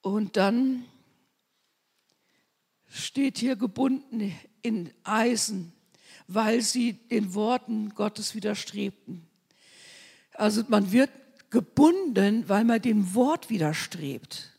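A woman preaching a fervent sermon, swinging between loud declarations and hushed asides. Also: mid-range voice, slow, creaky, long pauses, slightly rough. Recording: long hall reverb.

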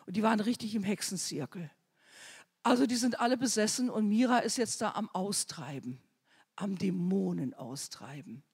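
A husky-voiced woman preaches in a church hall, and her words ring out in a long reverb. She tells testimonies in an emphatic storytelling manner and builds to loud, urgent exhortation. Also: mid-range voice, animated, normal speed. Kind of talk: charismatic sermon with testimony.

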